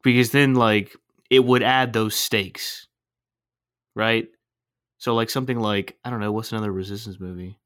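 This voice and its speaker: A man's voice: fairly low pitch, fairly even intonation, moderate pace, pauses often, fairly bright tone, clear, resonant tone, no echo, clean studio sound. A man in a casual movie chat, playful and argumentative, jumping in with his own theories.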